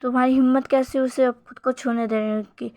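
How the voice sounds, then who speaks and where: A cold, possessive young man fires off curt, demanding questions, as a woman voices him in a fan story retelling. The voice stays fairly high and clipped. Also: little pitch movement, a little fast, darkish tone.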